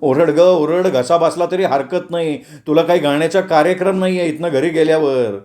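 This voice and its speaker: A man's voice: fairly high pitch, moderate pace, darkish tone, close to an everyday voice. A man voicing a hungry, impatient young husband who talks in a bossy, sarcastic way.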